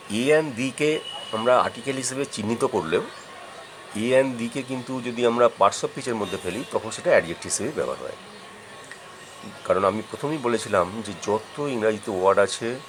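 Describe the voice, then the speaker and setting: A man's voice: fairly low pitch, fairly bright tone, a little hiss or hum, poor audio. A man teaching English grammar in a patient, explanatory way, repeating examples and checking that the listener follows. His first language is Bengali.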